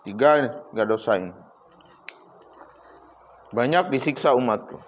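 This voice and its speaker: A man giving a religious study lecture as a teacher, telling stories and acting out dialogue, swinging between loud lines and hushed asides. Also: mid-range voice, animated, normal speed, slight background noise. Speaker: kitab teacher. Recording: dull lo-fi recording.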